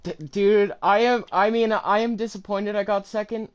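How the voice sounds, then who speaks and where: A young man hosting a racing game stream, chatting excitedly and casually with other players. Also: sits high, moderate pace, smooth. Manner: excited, chatty, says dude a lot. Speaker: streamer hosting an online race. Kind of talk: casual live-stream chat.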